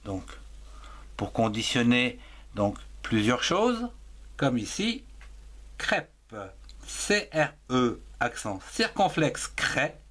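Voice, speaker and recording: Slow, deliberate man spelling out words. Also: medium pitch, sing-song, a bit bright. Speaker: primary school French teacher. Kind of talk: slow dictation lesson, spelling words aloud letter by letter.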